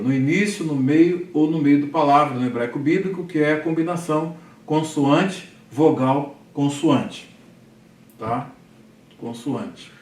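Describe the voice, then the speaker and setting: Professor brasileiro lento, em sala com eco. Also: male voice, a little high, a little mellow. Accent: Brazilian Portuguese. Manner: patient, repeats terms slowly, asks "tá?" often. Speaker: teacher. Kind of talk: classroom lecture. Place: classroom. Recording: echoey classroom from a distance.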